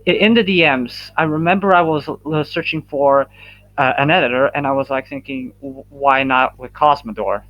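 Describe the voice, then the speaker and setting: A man's voice: medium pitch, normal speed, no echo. A man on a voice call who stutters and sighs, struggling to explain himself over a dull lo-fi mic. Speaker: guest. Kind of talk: casual voice call.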